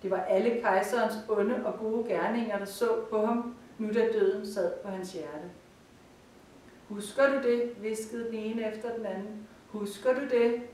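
A woman reading a fairy tale aloud in a calm, measured storytelling manner, in a cosy room. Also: mid-range voice, slight background noise. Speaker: reader. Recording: roomy, far from the mic.

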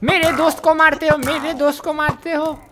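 A man hosting a let's-play, giving excited commentary while yelling taunts and making playful sound effects. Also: very high voice, moderate pace. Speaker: gaming channel host. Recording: game audio with background music.

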